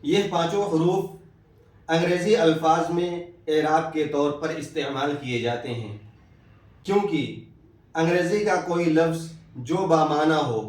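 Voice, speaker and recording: A man giving a step-by-step English lesson, sounding out example words slowly and deliberately. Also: on the high side, recorded from a distance. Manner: slow and deliberate, drawing out example words one by one. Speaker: English teacher. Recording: very echoey room, a little off-mic.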